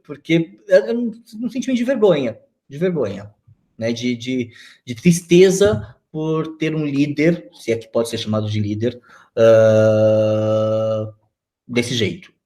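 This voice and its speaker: A man's voice: mid-range voice, lively intonation, a little slow, dark tone. A Brazilian man in his forties, a guest on a video-call interview, talking reflectively with many fillers and restarts. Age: 40s.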